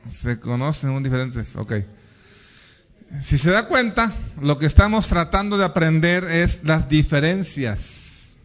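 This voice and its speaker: A high-voiced man leading a sermon, teasing couples and throwing questions at the crowd. The recording sounds dull and low-fidelity. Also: animated, a little slow. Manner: teasing, playful, asks the congregation questions. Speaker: preacher. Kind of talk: lively sermon with audience questions.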